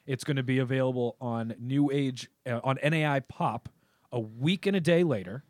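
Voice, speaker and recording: A man co-hosting a podcast in casual chat, jokey and rambling, quick to laugh. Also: medium pitch, a little mellow, dry recording, clean studio sound. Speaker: podcast co-host.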